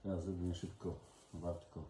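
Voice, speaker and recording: A man's voice: deep voice, level tone, normal speed. A man with a Silesian accent, chatting in a folksy way as he gives a casual step-by-step cooking demonstration. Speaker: home cook hosting a cooking video. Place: indoor kitchen. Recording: echoey room with loud kitchen noise. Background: clattering dishes, cutlery and pans.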